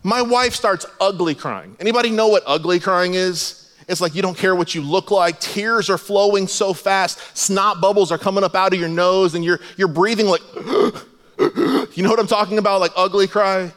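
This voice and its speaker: A man's voice: high-pitched, moderate pace, fairly bright tone, big-room sound. A man preaching a sermon, telling a humorous personal story and acting out the dialogue in a conversational way. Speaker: pastor. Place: church sanctuary.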